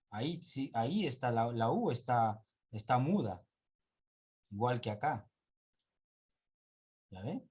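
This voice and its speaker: Male teacher, husky, slow and patient, repeats sounds aloud and checks in with the class. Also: medium pitch, darkish tone. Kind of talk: spelling and pronunciation class. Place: online class in 2021.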